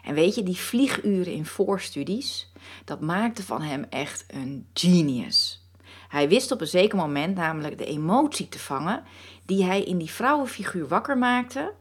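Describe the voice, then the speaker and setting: A woman voicing a painted muse who has come alive, speaking in a slow, wistful, softly mystical way. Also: fairly low pitch, lively intonation, breathy edge. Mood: dreamy. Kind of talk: storytelling narration.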